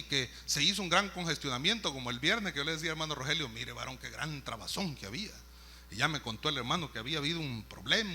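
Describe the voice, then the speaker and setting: Husky, bright-voiced male preacher. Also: on the high side. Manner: storytelling, animated, acts out scenes. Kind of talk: sermon.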